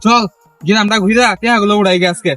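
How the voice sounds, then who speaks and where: A man's voice: sits high, fairly even intonation, sharp tone, faint music behind. A man with a rural Bangladeshi Bengali dialect, playing a greedy, blustering village moneylender in a comedy skit. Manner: greedy, blustering, fast-talking.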